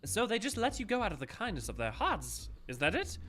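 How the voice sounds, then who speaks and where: A man voicing a haughty, twee villain ringleader with slow, theatrical menace and scorn, in a video game read-aloud. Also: sits high, huge pitch swings, fairly bright tone, soft background music, voice pushed up, heavily acted. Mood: scornful. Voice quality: twee, affected.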